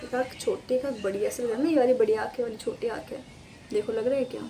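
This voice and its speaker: Chatty woman vlogger, slightly high voice. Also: fairly even intonation, fast, mellow. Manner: chatty and rambling, addresses viewers directly. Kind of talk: casual unboxing vlog. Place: room at home with books behind her.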